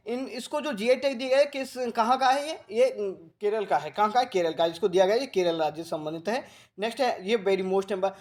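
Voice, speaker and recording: A male coaching teacher from Rajasthan. He gives a current affairs lecture, speaking slowly and repeating key facts as he drills his students. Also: high-pitched, a little mellow. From Rajasthan, India. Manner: slow, repetitive drilling that coaxes students like a big brother.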